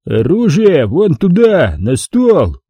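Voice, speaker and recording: A man reading an audiobook voices a huge, slow-witted monster doorman who barks single words. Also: fairly high pitch, huge pitch swings, slightly rough, no echo, lo-fi sound, voice pushed up, full character voice. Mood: barking. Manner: curt, barking single words.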